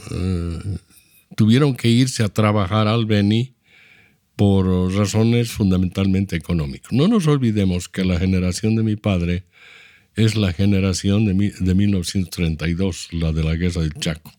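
Low-voiced bolivian guy in his 70s, slow lecturing way of explaining, dry close sound. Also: warm tone, dry recording. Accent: Bolivian Spanish. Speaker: interview guest, architect. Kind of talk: reflective storytelling.

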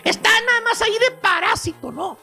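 A man's voice: extremely high pitch, animated, a little fast, creaky, bright, forceful tone, soft background music. A man telling a mocking comic story as a radio show host, full of slang.

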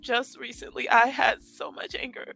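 A woman talks candidly on a podcast, pausing often and filling gaps with "like". Her voice sits a bit high and sounds bright and sharp, with a gravelly fry, over faint music. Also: flat delivery, rough recording. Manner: candid, halting, swears, many fillers like "like". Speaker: podcast co-host. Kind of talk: casual personal podcast talk. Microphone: podcast microphone.

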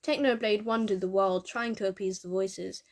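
Woman reading a story aloud. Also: medium pitch. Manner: measured, expressive storytelling. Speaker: narrator. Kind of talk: fan fiction reading.

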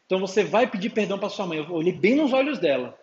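A very animated man delivers a fast sermon in a church hall, his high voice carrying a darkish tone. He prompts the congregation for amens and acts out conversations with his little daughter, and the echoey recording sounds dull with a faint hum.

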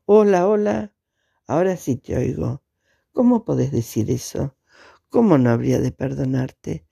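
A man reading the part of a grieving young woman pleading softly into a phone, close to tears. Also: medium pitch, big pitch swings, normal speed, vocal fry, husky, dry recording, heavily acted. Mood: tender. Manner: soft, pleading, near tears.

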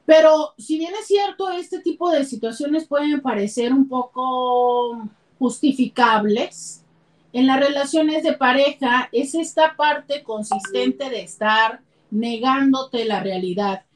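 A woman with a Mexican Spanish accent hosting a casual advice talk on relationships. She speaks in an animated way and slips into acted quotes with jumps in pitch. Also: takes it slowly. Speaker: host and relationship counselor.

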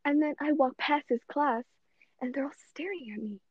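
A woman's voice: high voice, normal speed, no room sound, dull audio. A teenage girl telling a school romance story in casual chat, chatty and dramatic. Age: teens.

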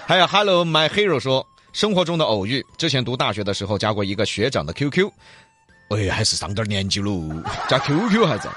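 A man's voice: mid-range voice, very animated, fairly quick, fairly bright tone, dry recording, soft background music. A male talk show co-host with a Sichuanese accent, joking colloquially and reading out listener stories in a casual way.

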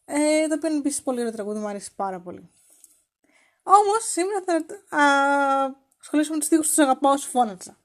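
A woman's voice: high voice, animated. A woman hosting a podcast, talking casually and teasingly as she acts out quoted lines. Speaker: podcast host.

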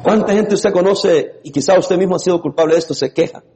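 High-voiced pastor preaching in a hall. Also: male voice, fast talker. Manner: lively preaching with laughs and sudden shouts. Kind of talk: sermon. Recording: long reverb in a hall.

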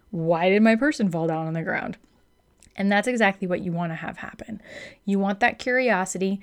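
A woman, a dog trainer, giving upbeat, chatty, emphatic advice in a casual instructional talk. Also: medium pitch.

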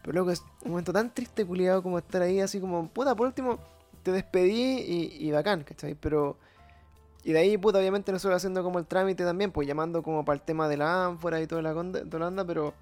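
A man's voice: high-pitched, quick pace, a little mellow, soft background music. A man with a Chilean accent sharing a memory in rambling, slang-filled casual chat. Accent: Chilean Spanish.

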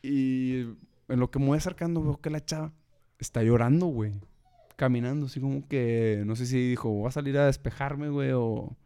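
A man's voice: mid-range voice, normal speed, warm tone, smooth. A man with a Mexican accent chatting casually and telling a story, dropping "güey" constantly. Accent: Mexican Spanish. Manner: slangy, peppers speech with "güey".

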